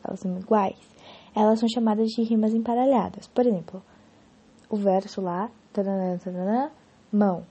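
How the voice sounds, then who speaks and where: A woman casually explaining poetry in a spoken lesson, correcting herself and slowing down to stress example words. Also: a little high, gravelly, mellow, husky.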